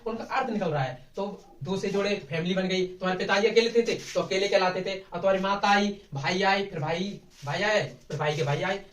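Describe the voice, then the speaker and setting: Man teaching grammar in an echoey room. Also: high-pitched. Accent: Hindi. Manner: repeats questions and answers them himself. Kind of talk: classroom grammar lesson. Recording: echoey classroom from far off.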